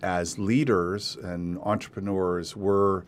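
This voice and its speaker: A middle-aged man hosting a podcast interview, talking casually with frequent restarts and pauses. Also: low voice, flat delivery, a little hiss or hum. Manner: hesitant, restarts often, thinks aloud. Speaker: podcast host.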